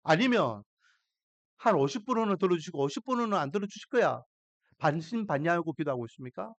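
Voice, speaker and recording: A male pastor delivers a Sunday sermon in a high voice that swoops widely as he stresses points. He keeps asking the congregation rhetorical questions. The sound is close and dry. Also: animated, fairly quick, dry recording. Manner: preaching with rhetorical questions and dramatic emphasis.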